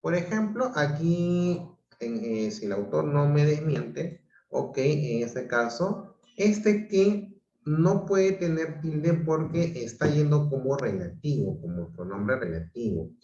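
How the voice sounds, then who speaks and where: A man's voice: on the high side, expressive, takes it slowly, mellow. A male teacher giving an online grammar lesson, explaining step by step and checking in with his students. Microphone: video call. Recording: muffled roomy video-call audio.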